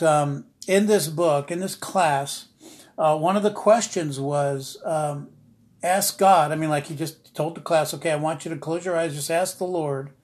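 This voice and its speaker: Chatty man, slightly high voice. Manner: rambling, storytelling, frequent fillers and restarts; dry sarcastic humor. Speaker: podcast host, ministry teacher. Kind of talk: informal devotional podcast talk.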